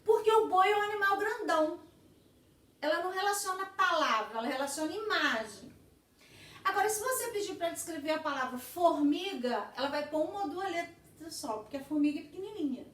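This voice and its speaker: A woman's voice: very high voice, animated, fairly quick, a bit bright. A woman teacher giving a lecture, explaining patiently and often checking in with her listeners with tag questions. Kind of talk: recorded lecture explaining literacy stages. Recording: echoey room, voice from a distance from the mic.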